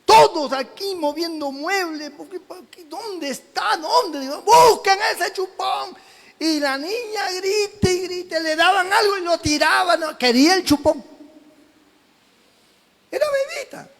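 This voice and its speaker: A pastor from Peru preaching a sermon, telling stories with animated swings from shouts to hushed asides. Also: male voice, very high-pitched. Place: church.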